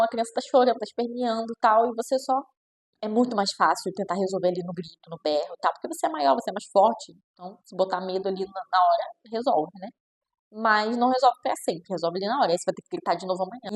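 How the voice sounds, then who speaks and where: A woman with a Brazilian Portuguese accent, a child nutritionist talking casually to camera and adding chatty tag questions as she goes. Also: mid-range voice. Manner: chatty, with frequent "né?" tags; acts out quoted parents in shifting voices. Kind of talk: reflective casual talk to camera.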